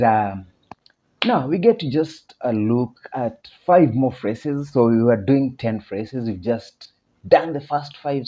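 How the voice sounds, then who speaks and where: Slow, mellow Kenyan man teaching. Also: mid-range voice, a little hiss or hum. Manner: chatty, laughs often, repeats phrases slowly. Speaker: teacher of a video lesson. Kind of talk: casual video lesson.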